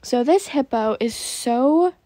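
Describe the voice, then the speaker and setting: A woman's voice: high-pitched, animated, takes it slowly, dark tone, no room sound. A young woman hosting a gaming channel, chatting casually about her game pets and often saying "like" and "um". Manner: chatty, says "like" and "um" a lot.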